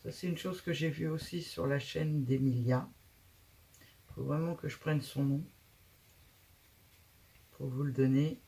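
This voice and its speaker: A woman's voice: low voice, measured pace, pauses often, dark tone. A woman hosting a casual craft tutorial, chatting and thinking aloud as she works, with frequent hesitations.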